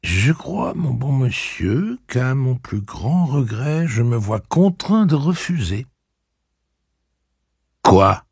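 Guy doing a cocky young gunslinger in an audiobook, high and teasing, gravelly, dry close sound. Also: very animated, takes it slowly, hardly any pauses, darkish tone, no echo, heavily acted. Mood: mock-polite. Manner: mock-courtly, then barking orders. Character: cheeky young male gunslinger, mock-polite and bold.

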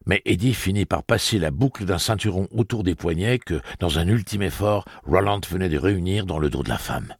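A man narrating an audiobook with an expressive, dramatic reading. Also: deep voice, a little fast, few pauses, breathy edge, no echo, clean studio sound. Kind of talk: scripted narration.

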